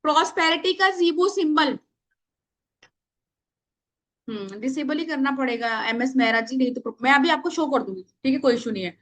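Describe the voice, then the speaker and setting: A woman teaching a live online workshop over a video call, naming participants and dictating affirmations slowly for them to write down. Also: sits high, lively intonation, a bit bright.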